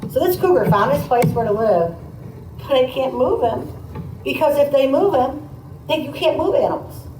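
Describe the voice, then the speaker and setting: Reading a story to children, this teacher chats between passages, explaining and asking the listeners questions. Her voice sits high and is warm and animated at a normal speed. The recording comes from a distant mic in a noisy room and sounds roomy.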